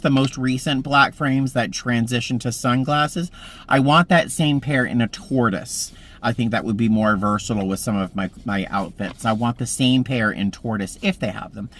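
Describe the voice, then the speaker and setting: A man's voice: mid-range voice, a bit bright. A man in his mid-fifties chatting casually to camera from a parked car, telling meandering stories. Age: 50s. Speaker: vlogger. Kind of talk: casual vlog chat.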